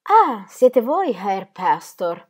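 A woman voicing a courteous, formal male country doctor in an audiobook, with slow, emphatic greetings. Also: mid-range voice, big pitch swings, voice pushed up.

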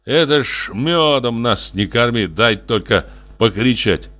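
A man's voice: mid-range voice, lively intonation, measured pace, bright, forceful tone. A man voicing a grumbling drunk bald brute. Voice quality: whiny, sulky grumbling.

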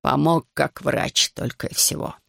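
A man voicing a distraught heavyset businessman begging for help for his arrested son, in a slow, broken, pleading way. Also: fairly high pitch, fairly even intonation, vocal fry, bright, forceful tone, no room sound, studio quality, exaggerated voice. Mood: desperate pleading. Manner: desperate, pleading, slowed and broken.

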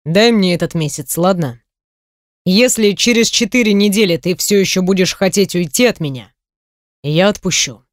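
A woman reading an audiobook, voicing a brooding possessive young man in a lower, earnest and insistent voice. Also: normal speed, no echo, clean studio sound, lightly acted. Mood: pleading.

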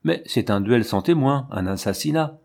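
A man's voice: medium pitch, animated, normal speed, vocal fry, a little mellow. A man voicing a cornered banker who protests and evades in an audiobook. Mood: defensive. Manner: evasive, protesting. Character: cornered banker, defensive and shaken. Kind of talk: audiobook narration.

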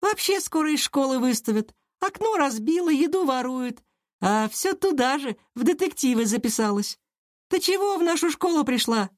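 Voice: sits high, measured pace, few pauses, no echo, studio quality, pitched above the performer's own voice. A reader voicing a schoolgirl who talks down to a classmate with scorn. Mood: scornful.

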